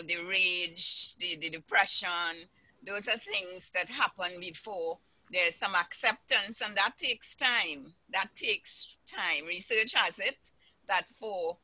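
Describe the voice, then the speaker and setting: A panelist on a video call, speaking slowly and haltingly and repeating words. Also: medium pitch, sharp tone, no echo, rough recording. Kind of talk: casual panel discussion.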